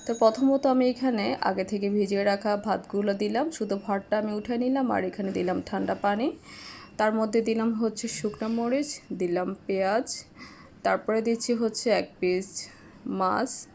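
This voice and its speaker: A woman's voice: mid-range voice, normal speed, a little hiss or hum. A woman, hosting a cooking channel and explaining a recipe step by step in a voice-over. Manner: steady step-by-step explaining, mixes English fillers.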